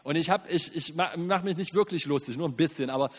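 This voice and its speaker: A man preaching a sermon in German, animated, with rhetorical questions, self-mocking asides and frequent "Amen". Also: fairly high pitch, fast, slightly rough, big-room sound. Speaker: pastor.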